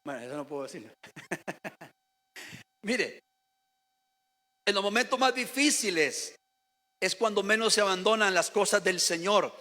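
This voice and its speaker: Pastor guy preaching in a church, pretty high voice, long hall echo, keeps asking the church questions. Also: expressive, measured pace, pauses often, pushed and bright. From Costa Rica. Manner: addresses the congregation directly with questions and calls to repeat. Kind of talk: sermon. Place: church sanctuary.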